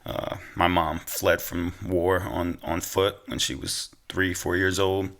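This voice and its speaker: A young man from Pennsylvania chats as a podcast guest in an easygoing, slangy way during a casual interview. His voice is low and a bit bright, with a level tone and a slow pace.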